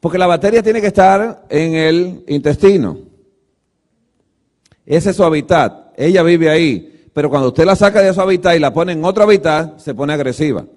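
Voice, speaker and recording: Brief: man, high-pitched voice, preaching lecture, animated, rhetorical questions to the congregation. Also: moderate pace. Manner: acts out quoted dialogue. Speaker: guest lecturer at a church.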